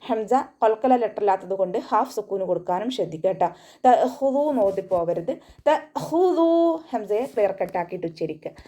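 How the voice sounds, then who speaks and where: A woman's voice: mid-range voice, warm tone. A woman giving an online tajweed lesson, patiently explaining each rule step by step. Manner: patient step-by-step instruction, slow melodic Arabic recitation between explanations. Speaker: Quran recitation teacher.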